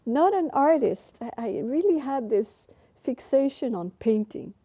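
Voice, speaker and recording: Slow, halting woman with a very dark voice. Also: high-pitched, expressive, breathy edge. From Mexico, raised in Belgium. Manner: unhurried, halting with many fillers and restarts. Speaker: interviewee, painter. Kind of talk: interview recollection.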